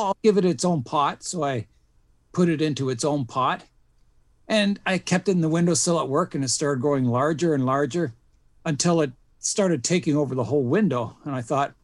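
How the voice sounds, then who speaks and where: A middle-aged man from Canada speaks as a podcast guest. His voice sits a little higher than most men's. He tells his story in an unhurried way, with frequent ums and small restarts. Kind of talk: casual interview.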